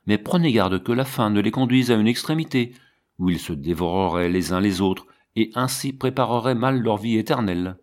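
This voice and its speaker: A man's voice: lowish voice, expressive, moderate pace, a little mellow, lightly acted. A man reading the lines of a mocking old monk who works as the convent gardener, with a wry, teasing manner.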